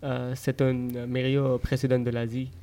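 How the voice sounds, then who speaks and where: Teen guy, monotone, lots of euh and restarts, school interview. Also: mid-range voice, a little slow, gravelly. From Bangladesh. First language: Bengali. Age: teens. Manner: hesitant, many fillers and restarts. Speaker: interview guest.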